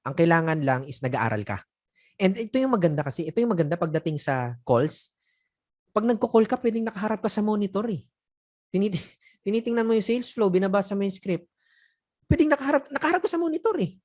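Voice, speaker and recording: A man's voice: high-pitched, big pitch swings, fast, darkish tone. A man coaching online sellers in a casual teaching talk. He speaks conversationally, chuckles often and drops in acted example phrases. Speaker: sales coach.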